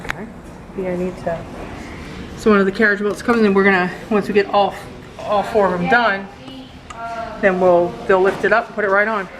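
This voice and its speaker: A woman's voice: mid-range voice, steady tone, fairly quick, long pauses, crowd noise. A woman talking casually on site at a laundromat, narrating an installation as she films it. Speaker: host filming an installation. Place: laundromat during equipment installation. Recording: noisy work-site ambience.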